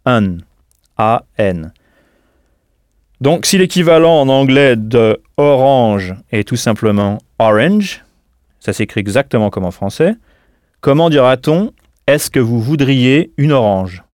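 A man's voice: medium pitch, expressive, a little mellow, dry recording, clean studio sound. Patient man teaching a language lesson. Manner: clear, patient explaining with pauses for answers. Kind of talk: scripted audio language lesson.

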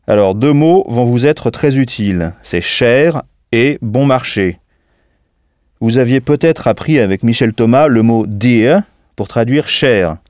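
A man teaching as a language tutor in a scripted audio lesson, speaking slowly and spelling words out letter by letter. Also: mid-range voice, a little mellow, no echo, clean studio sound.

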